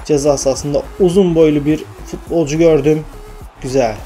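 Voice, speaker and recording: An excitable young man narrates his football video game as he plays it, cheering his players on and groaning at missed chances. His voice sits a bit high but sounds dark and mellow, with faint game music under it. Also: moderate pace. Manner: excitable, shouts at players, mutters to himself. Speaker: gaming channel host. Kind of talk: live gameplay commentary.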